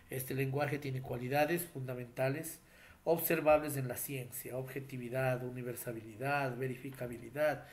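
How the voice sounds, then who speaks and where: A man's voice: medium pitch, slight background noise. Man lecturing with constant tag questions. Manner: frequent tag questions and fillers; explanatory, addresses listener formally. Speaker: teacher. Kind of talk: classroom lecture.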